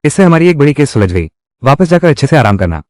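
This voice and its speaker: Man with a lively, varied pitch. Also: quick pace, no echo, clean studio sound. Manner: reads every part in one voice. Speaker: dubbing narrator. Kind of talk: Hindi drama recap dubbing.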